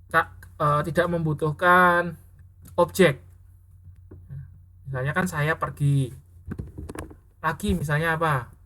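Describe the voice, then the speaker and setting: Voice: medium pitch, bright, forceful tone. An English teacher in a casual classroom explanation, often stopping to check understanding and correcting themself mid-sentence. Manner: keeps checking understanding with tag questions; mixes spoken English example sentences into explanation.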